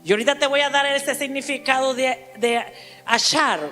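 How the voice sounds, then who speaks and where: A woman preaching a sermon to a congregation, emphatic, calling out to the listeners and spelling out words slowly. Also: sits high, fairly even intonation, pushed and bright. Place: church hall. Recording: church hall reverb with faint music.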